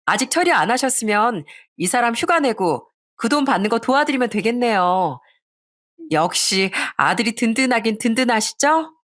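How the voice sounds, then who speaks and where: A woman's voice: on the high side, lively intonation, moderate pace, fairly bright tone, pitched above the performer's own voice. A woman reading a grown son who pleads with his mother in a whiny, entitled way, in her own voice. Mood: smug.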